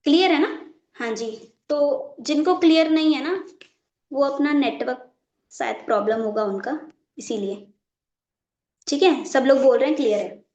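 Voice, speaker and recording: A woman's voice: high voice, normal speed, pauses often, darkish tone, roomy sound, lo-fi sound. A woman running a live online training session, stopping again and again to check that her class is following and repeating her points. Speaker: network marketing trainer.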